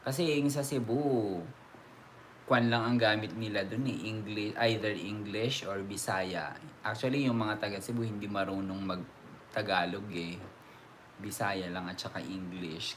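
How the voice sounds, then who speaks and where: A man's voice: lowish voice, steady tone, measured pace, background noise. Chatty Ilocano-accented man vlogging. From Ilocos region, Philippines. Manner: chatty and rambling, with frequent laughs. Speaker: vlogger host. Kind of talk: casual chat answering viewers.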